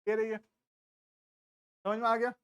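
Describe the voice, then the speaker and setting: A man with an Indian accent teaching a commerce class, explaining slowly and stopping to check that students follow. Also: high voice, flat delivery, fairly bright tone, clear, resonant tone, no echo, studio quality. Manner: explains slowly, asks checking questions, drawls key terms. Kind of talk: classroom lecture.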